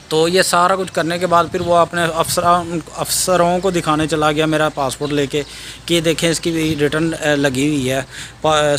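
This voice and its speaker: A young man recounts a trip in loose, meandering vlog talk, stopping often on fillers and starting sentences over. His voice sits a little high for a man. Birds and passing traffic come through clearly behind him outdoors. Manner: rambling, hesitant, with many fillers and restarts. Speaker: vlogger. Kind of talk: casual travel storytelling. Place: outdoors at a roadside border crossing.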